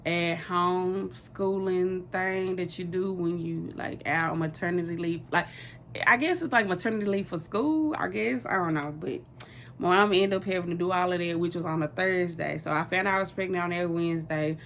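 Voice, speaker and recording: A woman's voice: lowish voice, normal speed, a bit bright, a little hiss or hum. A young woman, telling a personal story in a rambling, casual way with lots of fillers.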